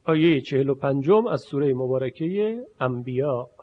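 A man teaching a spoken lesson who explains patiently and then slowly says sounds aloud as examples. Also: mid-range voice, expressive. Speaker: recitation teacher. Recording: muffled lo-fi recording.

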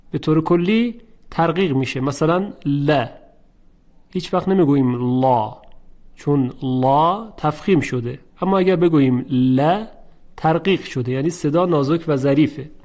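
Man teaching with drawn-out examples. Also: fairly high pitch, darkish tone. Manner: slow drawn-out example words, brisk explanations. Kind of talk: Quran recitation lesson.

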